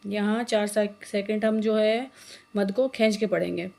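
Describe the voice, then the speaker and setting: A woman teaching Quran reading, spelling out letters and vowel marks, then reciting each word slowly, with quick explanations and frequent checks on the learner. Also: medium pitch, steady tone, creaky, mellow.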